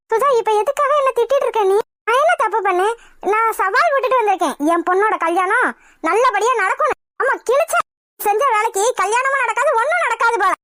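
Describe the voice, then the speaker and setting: A woman's voice: very high voice, sharp tone. A woman with a Tamil accent voicing several characters in a cartoon, scolding and bickering.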